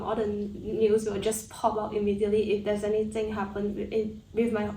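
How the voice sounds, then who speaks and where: Young woman, student guest, steady casual answers, even tone, distant echoey recording. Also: a little high, a little hiss or hum. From Malaysia. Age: young adult. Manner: steady, opens answers with "alright, so". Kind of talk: casual chat. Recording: echoey room, distant mic, faint ambience.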